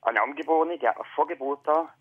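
A man calling in over the phone, telling his story in a halting, plain way. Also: fairly high pitch, a little hiss or hum. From Switzerland. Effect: heard over the phone. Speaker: caller. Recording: tinny phone line.

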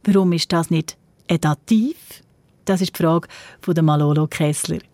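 A woman's voice: low-pitched, steady tone, a little fast, a little mellow, no echo. A woman with a Swiss German accent, a radio host reading out a listener's question and leading into the next item in a studio.

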